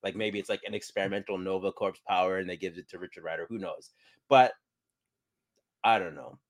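A man's voice: low voice, fairly even intonation, fairly quick. A man co-hosting a podcast in casual chat, laid-back and opinionated, often restarting his sentences. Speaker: podcast co-host.

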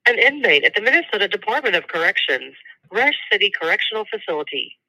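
An automated announcement plays over a prison phone line. The voice is bright and dry, with a lively up-and-down pitch. It delivers slow, formal call prompts. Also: no room sound. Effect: prison phone system recording.

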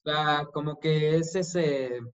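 A man with a Mexican accent talks through a film in loose, slangy, swear-heavy chat. His voice sits a bit high, and the recording sounds dull and lo-fi. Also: slow pace. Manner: relaxed, slangy, peppered with swearing. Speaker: podcast co-host. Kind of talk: casual film discussion.

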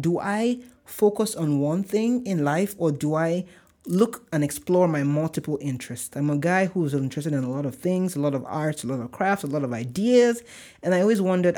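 With a warm, slightly high voice, a young man from Nigeria hosts his own casual podcast. His light Nigerian accent comes through as he talks in an upbeat, rambling, chatty manner.

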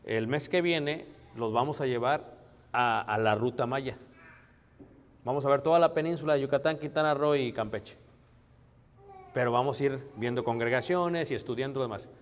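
A man preaching a sermon conversationally, often calling out to his congregation as brothers. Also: mid-range voice. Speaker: pastor. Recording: long hall reverb.

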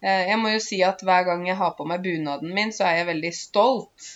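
Lady teaching words, kinda low voice, lots of ehs, bit dull lo-fi sound. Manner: explains words slowly, many fillers. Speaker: Norwegian language teacher. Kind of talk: casual spoken language lesson.

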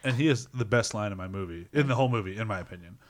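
A man hosting a casual film discussion podcast, relaxed and hesitant, with many fillers. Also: fairly low pitch, racing. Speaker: podcast host.

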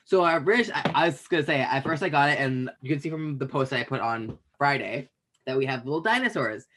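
A man's voice: medium pitch, lively intonation, a little fast, fairly bright tone. A man from Canada co-hosting a podcast, chatting in a rambling, joking way with frequent restarts. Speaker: podcast co-host. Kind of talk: casual chat.

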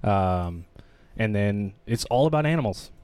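A young man talks candidly on a podcast, his voice sitting a little low. He rambles and swears freely, circling back as he tells the story. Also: expressive, measured pace, darkish tone, smooth, no room sound. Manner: rambling, profane, emotional storytelling. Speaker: podcast co-host. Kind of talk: candid casual podcast chat.

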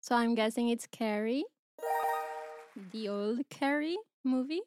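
A woman's voice: on the high side, a little slow, darkish tone, soft background music. Giggly chatty woman co-host. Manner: giggly, chatty, eating while talking. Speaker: podcast co-host. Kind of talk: casual chat.

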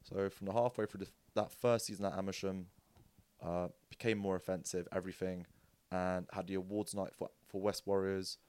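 A young man, a podcast guest telling rugby stories in a casual, animated way. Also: low-pitched, moderate pace, clear, resonant tone, no echo. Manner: animated storyteller, acts out quotes with jokes and laughs. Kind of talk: casual storytelling chat.

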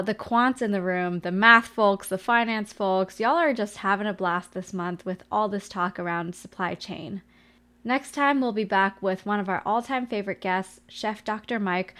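Upbeat woman hosting a podcast. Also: mid-range voice. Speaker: podcast host. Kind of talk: podcast intro and interview.

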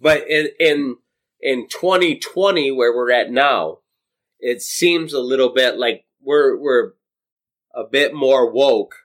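A man's voice: medium pitch, takes it slowly. A middle-aged man co-hosting a podcast, recapping a movie in a casual, rambling way with lots of swearing, fillers and restarts. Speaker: podcast co-host.

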